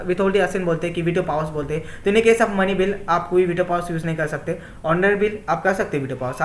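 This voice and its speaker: A young man teaching an exam-prep class in Hindi mixed with Indian-accented English, often repeating himself and asking his students "my friends". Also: high-pitched. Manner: repetitive, often asks "my friends" and "है ना". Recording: echoey room.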